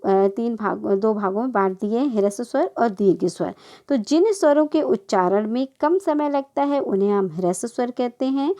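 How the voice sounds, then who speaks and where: A woman teaching a school grammar lesson, patiently repeating definitions, checking whether the class understood, and drawing out vowel sounds slowly as she lists them. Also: on the high side, mellow.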